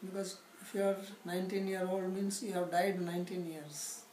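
A middle-aged man teaching a scripture class, speaking slowly and deliberately with wry humor and recited Sanskrit verses, recorded from a camera across a living room. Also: sits high, level tone, darkish tone. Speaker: spiritual teacher. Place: indoor living room, seated on a sofa. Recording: echoey room with background noise.

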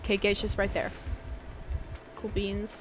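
A young woman streaming a game live, chatting casually with her viewers and breaking into sudden excited squeals. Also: medium pitch, a little slow, over music, poor audio. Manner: excitable, talks to chat, sudden squealy outbursts.

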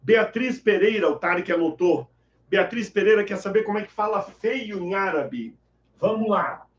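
A man's voice: high voice, moderate pace, roomy sound, highs cut off, a little hiss or hum. A man teaching Arabic in a chatty live online class, joking and reading viewers' names from the chat. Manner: lively, joking, reads chat names aloud.

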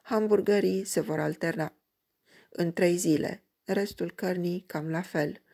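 A woman voicing a practical, calm male barman at a roadside diner in a read-aloud story. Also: lowish voice, gravelly, slightly rough. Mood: matter-of-fact.

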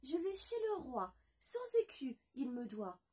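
A woman putting on a shrill little half-chicken. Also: very animated, measured pace, darkish tone, breathy edge, full character voice. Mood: chirpy. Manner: high chirpy sing-song voice, cries out shrilly when scared. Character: plucky little female half-chicken, small and stubborn. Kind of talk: storybook read-aloud.

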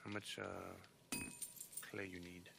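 A man's voice: low voice, flat delivery, slow pace, gravelly. A laid-back man streaming a co-op game, chuckling and muttering to himself as he plays. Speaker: gaming streamer. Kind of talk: casual co-op gaming chat. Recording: noisy stream audio.

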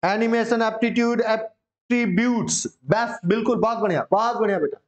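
A man's voice: high-pitched, fast. A male English vocabulary teacher, drilling words with students in a casual, encouraging coaching-class manner. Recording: dull lo-fi sound.

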